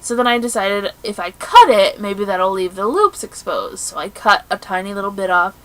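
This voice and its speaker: A woman co-hosting a podcast in casual chat, telling stories in an animated, exasperated way. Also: mid-range voice, moderate pace, poor audio. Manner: animated, exasperated storytelling with laughs. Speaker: podcast co-host.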